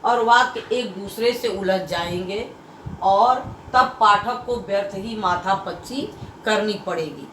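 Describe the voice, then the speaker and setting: A woman teaching a Hindi grammar lesson to children, explaining slowly and repeating each point with stressed key words. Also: medium pitch, a bit bright, roomy sound, recorded from a distance, slight background noise, rough recording.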